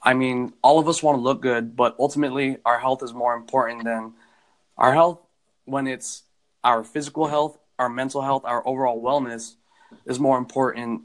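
A young man speaks in a mid-range voice in a relaxed chat. He gives advice thoughtfully, stumbling at times and filling his pauses with um and I mean. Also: medium pitch, rough recording. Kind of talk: casual conversation.

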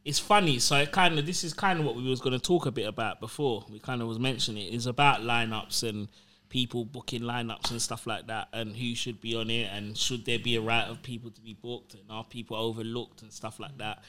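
Bright, punchy-voiced man bantering casually. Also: medium pitch, steady tone, brisk.

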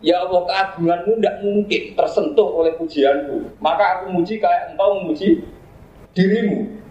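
Jokey Javanese-accented cleric, echoey room. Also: male voice, high-pitched, dark tone, dull audio. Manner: jokey, mixing Javanese chatter with slow Arabic recitation. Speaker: Islamic cleric teaching a classical text. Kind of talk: informal religious lecture.

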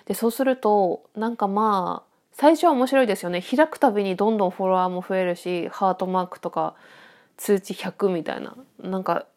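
A woman's voice: mid-range voice, fairly quick, a little mellow. A woman with a stuffy-nosed, nasal voice chatting casually on her own as an audio podcast host, reflective and hesitant as she thinks aloud.

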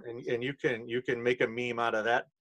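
A man's voice: mid-range voice, level tone, brisk, a bit bright. A man hosting a podcast on a video call, running a party game in joking, profane casual chat. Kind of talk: casual late-night chat.

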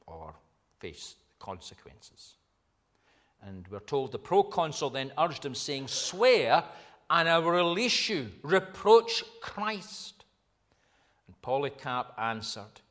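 Pastor preaching with dramatic swings. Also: male voice, mid-range voice. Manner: dramatic swings between loud emphatic phrases and hushed slow ones. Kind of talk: sermon.

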